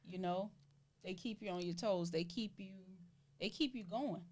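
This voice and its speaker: A woman in her forties chats casually as a talk show co-host, her voice sitting at a middle pitch. She keeps affirming the others as they talk. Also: darkish tone. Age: 40s. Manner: agreeable, quick to affirm others. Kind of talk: casual chat.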